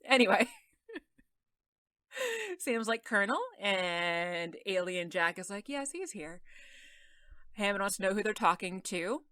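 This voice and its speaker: A woman's voice: mid-range voice, fairly even intonation, unhurried, long pauses, sharp tone, clean tone, dry recording, clean studio sound. A woman co-hosting a podcast, recapping an episode in casual chat, laughing often and quoting the characters' lines. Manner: chatty, laughs often, retells scenes with quoted lines. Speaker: podcast co-host.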